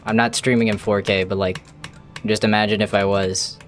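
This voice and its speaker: Soft background music plays under a man's low-ish voice, which moves little in pitch and keeps a moderate pace. He streams a video game, chatting casually and ramblingly to his chat, swearing occasionally.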